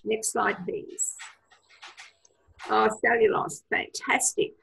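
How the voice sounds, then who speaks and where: Gravelly husky woman on a video call. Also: medium pitch, steady tone, slow, fairly bright tone, poor audio. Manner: enthusiastic, gives advice with many fillers. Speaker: product trainer. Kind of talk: casual presentation on a video call.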